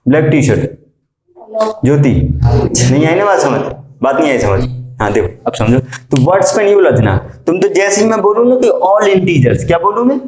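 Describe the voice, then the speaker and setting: A male math teacher lecturing a classroom, quizzing students and repeating key statements slowly. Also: fairly high pitch, animated, a little mellow, slight background noise. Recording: echoey classroom.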